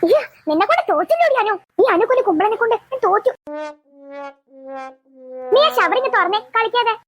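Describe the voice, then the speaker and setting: A woman voicing a bossy, quick-tempered big sister in a cartoon, scolding and sarcastic. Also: very high voice, very animated, faint music behind. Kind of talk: cartoon voice acting.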